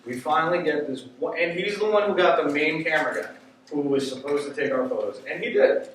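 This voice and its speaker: Male stand-up comic, lively storyteller, fairly high voice, heard from off mic in a room with strong echo and faint noise. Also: fairly quick. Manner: animated, swears casually, quotes people in voices. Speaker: stand-up comedian. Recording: echoey room, mic from a distance.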